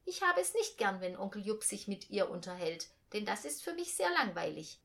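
Expressive female storybook reader with a lively voice. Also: mid-range voice, normal speed, gravelly. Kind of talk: reading a children's story aloud.

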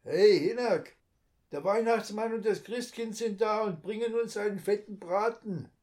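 A man's voice: mid-range voice, slow, natural voice. A man doing a teasing fisherman. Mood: joking. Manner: teasing, jovial. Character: joking thin fisherman, middle-aged.

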